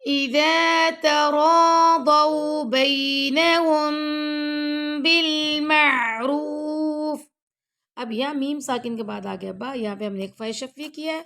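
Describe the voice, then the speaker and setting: A woman teaching Quran recitation rules, who chants each verse slowly and loudly and then explains quickly and softly, often checking that the learner follows. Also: medium pitch, vocal fry. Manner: checks in with the listener after each rule.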